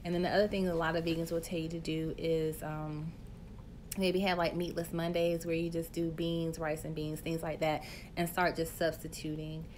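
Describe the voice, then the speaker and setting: On a casual phone live stream, a woman who works as a health coach chats playfully, reading viewers' comments and addressing her audience directly. Her voice is low and slightly mellow, her delivery flat at a moderate pace, with a faint hiss or hum in the audio.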